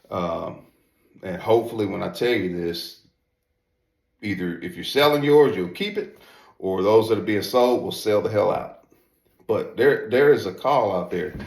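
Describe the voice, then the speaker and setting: A man with a fairly low voice presents a product in a casual, folksy style. He leans on his points and repeats phrases for emphasis. The sound is noticeably roomy and echoey. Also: vocal fry. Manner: emphatic, repetitive, folksy informal talk. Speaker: presenter reviewing duck calls. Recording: roomy echo.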